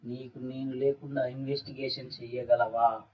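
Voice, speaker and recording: Calm young woman sleuth in a spooky audio story, read by a man, flat and steady, heard from a distance. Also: mid-range voice, normal speed, slightly rough, close to an everyday voice. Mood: calm, curious. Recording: dull, distant-sounding recording.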